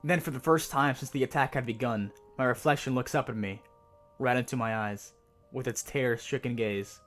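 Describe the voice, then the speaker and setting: A man playing a haunted, increasingly frightened narrator of a first-person horror story, reading it in a measured, suspenseful way. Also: mid-range voice, a bit bright, faint music behind, lightly acted. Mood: horrified.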